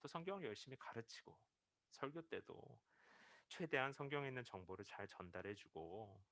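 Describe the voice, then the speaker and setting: A man's voice: mid-range voice, very animated, normal speed, fairly bright tone, no echo. A male pastor preaching a Sunday sermon, telling a story and acting out the quoted lines as he builds to emphatic peaks.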